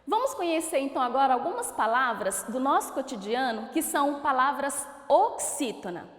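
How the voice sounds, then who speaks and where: A woman's voice: high voice, very animated, moderate pace, fairly bright tone. A woman teacher giving a recorded school lesson, stretching out example words in a sing-song way to show their stress. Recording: echoey room with long reverb.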